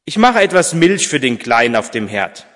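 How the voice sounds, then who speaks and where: A man reading aloud as a kind old shoemaker, gentle and eager, with hesitant fillers, in a reverberant church. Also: medium pitch, big pitch swings, normal speed. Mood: kindly. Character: kindly old male shoemaker, warm and hopeful.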